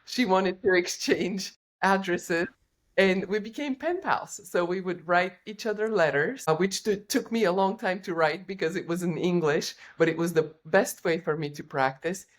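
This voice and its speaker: A woman's voice: fairly low pitch, moderate pace. A middle-aged woman from Bulgaria, a former Olympian and executive coach, telling her life story as a podcast guest in an earnest, reflective way. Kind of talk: interview storytelling.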